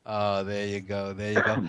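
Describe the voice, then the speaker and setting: A man's voice: on the low side, completely flat delivery, normal speed, fairly bright tone, clean tone, dry recording. A middle-aged man with a Brooklyn accent hosting a casual radio interview, chatty and given to repeating phrases. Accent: Brooklyn, New York. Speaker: radio host interviewing a guest.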